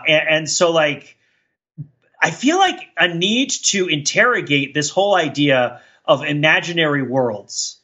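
A podcast co-host with a bright, forceful, somewhat high voice, recorded in lo-fi sound, chats about pop-culture ideas. His style is casual and analytical, discursive and hedging as he thinks out loud.

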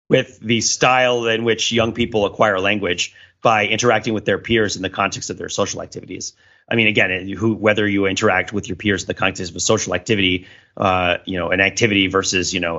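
A middle-aged man co-hosting a podcast talks through ideas in a casual, rambling yet analytical way, often checking in with "right?". His voice is deep and sharp in tone, and the recording has its highs cut off.

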